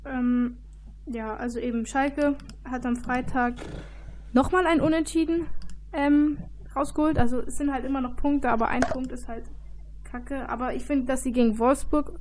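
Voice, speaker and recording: A woman's voice: sits high, fairly even intonation, moderate pace, darkish tone, slight background noise. A woman co-hosting a casual football chat, hesitant and full of filler sounds. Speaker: football podcast co-host.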